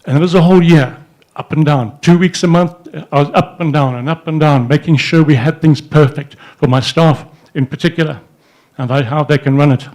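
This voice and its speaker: A slightly high, slightly fast and somewhat mellow voice belongs to an older man. He's an entrepreneur telling stories at an indoor society event, standing in front of a banner with a handheld microphone, gesturing with his other hand and rambling through many restarts and fillers.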